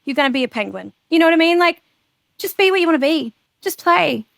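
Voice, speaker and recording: A woman in her thirties, a podcast guest, chatting casually and telling animated stories with plenty of swearing. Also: extremely high pitch, fast talker, creaky, no room sound. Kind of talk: casual chat.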